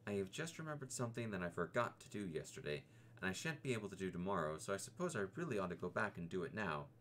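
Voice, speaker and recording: A man voicing Piglet, a small timid male piglet who talks in a squeaky, nervous and hesitant way in a storybook reading. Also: sing-song, quick pace, fairly bright tone, slight background noise.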